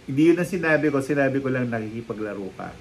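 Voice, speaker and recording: A man tells stories in casual talk-show chat, his pitch leaping widely as he acts out the voices of the people in them. His speech sits at an ordinary middle pitch, with a faint hiss of background noise under it. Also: fast, rough recording. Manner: lively storytelling, acting out quoted people, frequent laughs. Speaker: guest storyteller, psychic. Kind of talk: casual chat, animated anecdotes.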